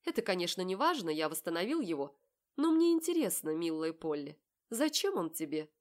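A cold, commanding young man in an audiobook, as a woman reader puts him on. His lines come curt and mocking, pressing and accusing. The voice sits slightly low. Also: big pitch swings, a little fast. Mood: menacing. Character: cold self-assured predatory young man. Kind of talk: audiobook character voice.

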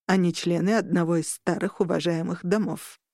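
A man's voice: high-pitched, fairly even intonation, moderate pace, a little mellow, no echo, clean studio sound. Insistent scheming vampire lord, voiced by a woman narrator, near her own voice. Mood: calm. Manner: insistent, pleading.

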